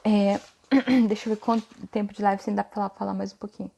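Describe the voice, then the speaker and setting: A woman's voice: medium pitch, fairly even intonation, fast talker, vocal fry, mellow. A woman, a mother hosting a casual live stream, coaching other mothers earnestly and often ending phrases with a questioning "tá?". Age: adult mother.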